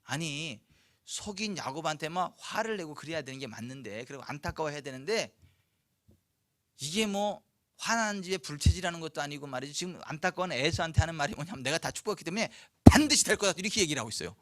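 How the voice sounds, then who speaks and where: Higher-voiced male pastor preaching conversationally. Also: expressive, a bit bright, no room sound, studio quality. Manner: conversational preaching with rhetorical questions to the congregation; slow, weighty scripture reading. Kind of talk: sermon.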